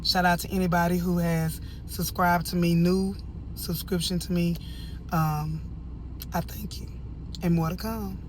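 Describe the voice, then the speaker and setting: Low-pitched American woman, animated reviewer, noisy background. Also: measured pace. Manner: animated, emphatic, rambling asides. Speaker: online reviewer and host. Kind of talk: casual opinionated video commentary.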